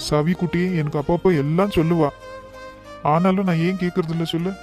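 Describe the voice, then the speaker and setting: A man voicing a worried, affectionate father in a cartoon, talking to his daughter in a soft, pleading way. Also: fairly high pitch, steady tone, brisk, faint music behind, lightly acted. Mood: tender.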